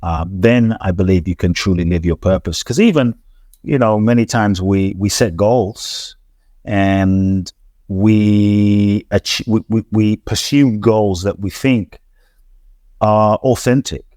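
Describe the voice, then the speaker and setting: A man who grew up in London, a transformational teacher appearing as a podcast guest, speaks earnestly and reflectively, repeating himself with frequent restarts and stammered repeats. His voice is lowish, slow and mellow. The sound is dry and close, with no echo.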